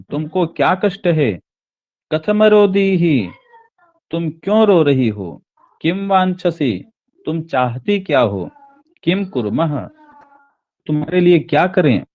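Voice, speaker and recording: A man's voice: a little high, sing-song, a little slow, phone-quality sound. A man teaching a Sanskrit text: he reads each line, then explains it word by word, repeating and correcting himself as he goes.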